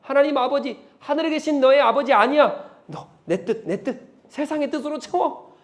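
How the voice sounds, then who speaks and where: A taunting Satan barks bossy orders in a high voice, as a male preacher puts him on. The voice is everyday, with only a small shift from plain speech. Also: moderate pace.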